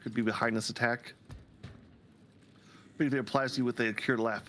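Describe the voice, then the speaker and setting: Bright-voiced man reading game text. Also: medium pitch, steady tone, normal speed, slight background noise. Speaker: co-streamer.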